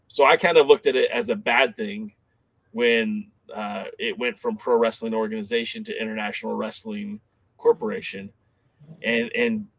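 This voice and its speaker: A Southern California man co-hosting a podcast rambles casually through memories of past events, using lots of fillers. His voice is lowish and a bit bright, with no room sound.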